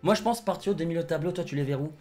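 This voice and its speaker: Young male co-host, fairly high voice, opinionated banter over quiet music. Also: rapid-fire. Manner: opinionated, hedging with "je pense". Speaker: football channel co-host. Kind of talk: casual football chat.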